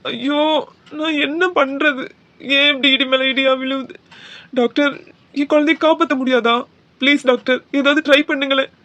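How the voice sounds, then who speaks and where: A man's voice: extremely high pitch, fairly even intonation, normal speed, bright, forceful tone, no echo, muffled recording. A man voicing a grieving young husband in a cartoon, speaking in an emotional, pleading way. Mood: distraught. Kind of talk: cartoon dubbing.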